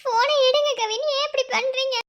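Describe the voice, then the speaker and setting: A woman's voice: very high voice, steady tone, fairly quick, muffled recording, slight background noise. A woman voicing a frightened, pregnant young woman in a cartoon love story, pleading and sobbing through her words. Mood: tearful pleading.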